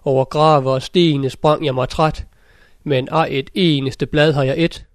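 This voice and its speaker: A man's voice: a little high, fairly even intonation, dry recording, studio quality, lightly acted. A man voicing a spiteful nanny goat in a fairy tale, reciting her lines as sing-song rhymes. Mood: rhyming, sly. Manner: sing-song rhyming verse. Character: sly, spiteful female goat who tells rhymes. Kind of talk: storybook narration.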